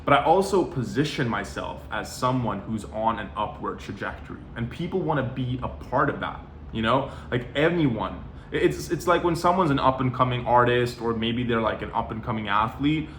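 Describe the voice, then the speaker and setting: A man's voice: medium pitch, a bit bright, slight background noise. A young man in his twenties from Norway, giving casual, conversational career advice and often saying "you know" and "like". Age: 20s. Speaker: sales coach. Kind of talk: casual talking-head advice. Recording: roomy echo.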